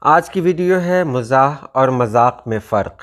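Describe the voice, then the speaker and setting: A man with an Indian Urdu accent teaching a video language lesson, explaining in a measured way with frequent pauses to think. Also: medium pitch, expressive.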